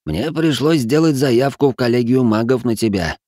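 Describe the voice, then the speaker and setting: A man's voice: mid-range voice, expressive, moderate pace, a little mellow, no echo, clean studio sound, voice pushed up, natural voice. A man voicing a sheepish, apologetic old wizard who teaches magic, in an audiobook reading. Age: older. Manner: apologetic, sighing.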